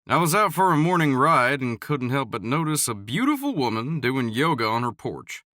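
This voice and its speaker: A man voicing a confident, playful cowboy in an audiobook, a bit louder than his narration. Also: mid-range voice, very animated, moderate pace, dry recording, clean studio sound. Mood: teasing.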